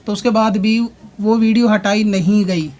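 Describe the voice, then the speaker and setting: This religious commentator's voice is high and darkish, with fairly even intonation. He addresses his opponent head-on through an extended rebuttal, going over the same points again and again.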